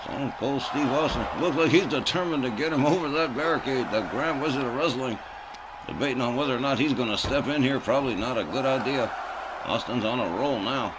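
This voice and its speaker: A man's voice: mid-range voice, fairly quick. A man giving wrestling commentary as a play-by-play announcer, in clipped, blow-by-blow phrases with exclamations. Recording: loud noisy background.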